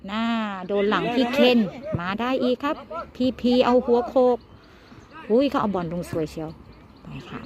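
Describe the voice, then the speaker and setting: A woman giving lively amateur commentary on a seven-a-side football match, shouting player names again and again as the play moves. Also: on the high side, dull audio, a loud crowd. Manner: lively, rapid repeated calls of player names. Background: music.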